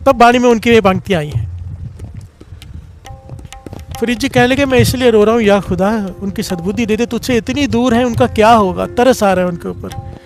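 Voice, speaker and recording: Guy preaching a sermon, high voice, sings bits of it, storytelling, quiet music behind. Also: brisk. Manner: storytelling, half-sung phrases, swells in pitch when moved. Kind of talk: devotional sermon with call-and-response.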